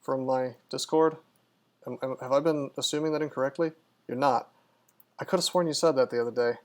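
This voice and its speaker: A man's voice: medium pitch, fairly even intonation, brisk. Casual, musing male game streamer. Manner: casual, musing, lots of ums and restarts. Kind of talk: live-stream gameplay commentary.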